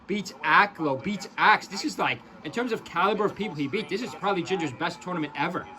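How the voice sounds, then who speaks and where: A man giving casual, excitable play-by-play commentary over fighting game footage, breaking off into chatty asides to his viewers. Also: sits high, quick pace, a crowd in the background. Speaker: esports commentator and channel host.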